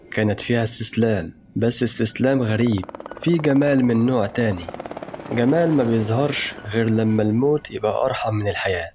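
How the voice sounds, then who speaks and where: Speaking with an Egyptian Arabic accent, a man narrates a dark story in the first person. His voice is mid-range and slightly rough, and his delivery is slow, brooding, and intense.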